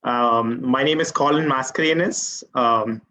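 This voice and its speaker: A man's voice: medium pitch, unhurried, sharp tone, low-quality recording. A man from India, a community outreach guest on a video call, speaking hesitantly with many uhs.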